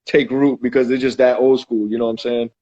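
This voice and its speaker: A man's voice: medium pitch, little pitch movement, a little fast, warm tone, highs cut off. A man from Florida, a guest musician, chatting casually in a slangy, laid-back way on a phone live stream. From Tallahassee, Florida.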